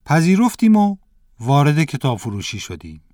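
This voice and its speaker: A man narrating a textbook lesson story in a measured, careful reading voice. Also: fairly high pitch, huge pitch swings, darkish tone, dry recording, studio quality.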